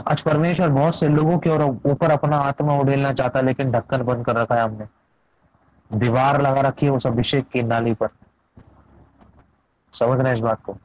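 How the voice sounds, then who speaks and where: A man's voice: medium pitch, darkish tone, no room sound. Guy preaching a sermon story, emphatic and repetitive, dull dry lo-fi sound. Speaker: pastor.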